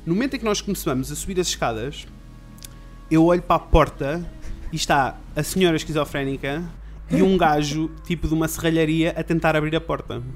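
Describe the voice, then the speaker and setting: Portuguese dude rattling off a story super fast, kinda high voice, does all the voices. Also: male voice, faint music behind. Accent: European Portuguese. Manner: acts out quoted voices, breaks into shouts and laughs. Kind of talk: animated casual storytelling.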